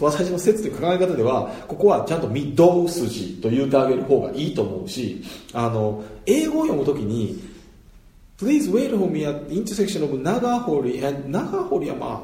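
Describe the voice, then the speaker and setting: A man's voice: mid-range voice, warm tone. A man with a Kansai accent talking through his views in a casual, chatty monologue, often laughing between points. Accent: Kansai Japanese. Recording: roomy echo.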